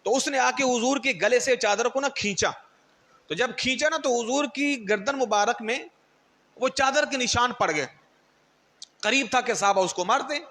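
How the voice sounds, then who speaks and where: A male preacher delivers a sermon in a high, sharp and bright voice. He tells stories and acts out the people in them. Long reverb trails his words. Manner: storytelling, acts out quotes and mocks others' styles. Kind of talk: Urdu sermon.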